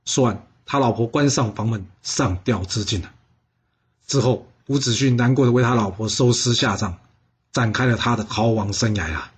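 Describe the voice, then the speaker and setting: A man telling a history story in a lively way, putting on voices for the characters and asking his listeners questions. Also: mid-range voice, moderate pace. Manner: asks listeners rhetorical questions.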